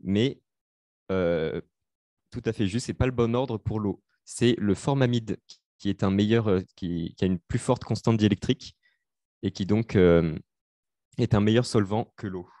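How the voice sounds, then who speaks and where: Young man tutoring, halting with fillers. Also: lowish voice, warm tone, dry recording. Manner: hesitant, many fillers, explains step by step. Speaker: student tutor. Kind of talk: live online revision session.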